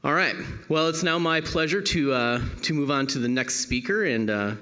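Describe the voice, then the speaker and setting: A man's voice: a little high, moderate pace, pushed and bright, clear, resonant tone. A man hosts the event and introduces the next speaker in a friendly, admiring way. His voice rings out with the long reverb of a large hall. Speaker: event host. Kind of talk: emcee remarks.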